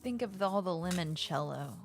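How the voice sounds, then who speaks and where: A woman's voice: lowish voice, animated, brisk. A woman co-hosting a game stream in casual conversation, with music behind her.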